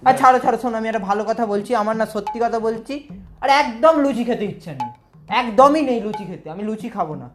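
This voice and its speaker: A quick, slightly high male voice from an actor as a young nephew who grows impatient at being kept waiting. He complains in rapid bursts. Faint music plays behind him. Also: natural voice. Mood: irritated. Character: impatient young nephew visiting his uncle.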